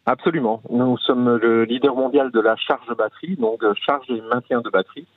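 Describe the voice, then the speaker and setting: A man's voice: mid-range voice, steady tone, normal speed, no room sound. Male company manager, explanatory radio interview style, narrow phone sound, very dry. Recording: tinny phone line on radio.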